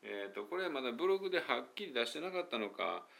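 A man's voice: medium pitch, very animated, fast talker, gravelly, a bit bright. A man speaking, a pronunciation coach chatting casually, correcting himself and laughing at his own slips, dropping English phrases in as he goes. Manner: mixes English phrases into Japanese talk. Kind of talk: casual monologue video.

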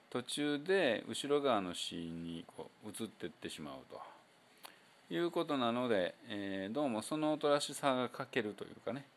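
As host of the show, a man with a Kansai Japanese accent and a mid-range voice gives a casual spoken lesson on English pronunciation. He's chatty and loose, full of fillers, and slows down whenever he demonstrates a sound.

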